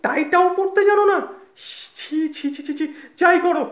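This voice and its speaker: A man voicing a nagging, exasperated young housewife in a comedy sketch, scolding fast and shrilly. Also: extremely high pitch, a bit bright, voice pushed up. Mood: irritated scolding. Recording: echoey room, slightly dull sound.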